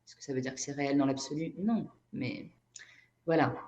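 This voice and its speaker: Interviewed as an energy therapist and writer, a Brazilian woman whose native language is Portuguese speaks reflectively at normal speed, often searching for her words. Her voice is low and darkish, the highs are cut off, and the room is echoey.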